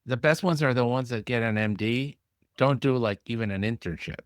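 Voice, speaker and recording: A man who is a physician hosting a podcast, talking bluntly in casual conversation and mimicking others in a high whine. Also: brisk, no echo, studio quality.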